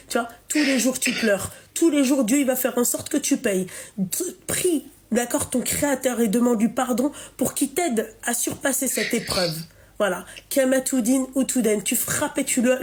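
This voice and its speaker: Une femme qui anime un direct en ligne et sermonne une appelante avec insistance, en se répétant. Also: female voice, a little high, darkish tone. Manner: scolding, emphatic, repeats herself. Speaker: live stream host. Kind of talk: live call-in chat.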